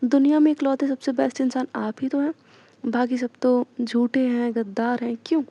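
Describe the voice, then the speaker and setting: A woman voicing a sharp-tongued, sulky young woman who scolds sarcastically, in a dull lo-fi recording. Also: high-pitched, level tone, normal speed, no room sound. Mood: sarcastic, scolding.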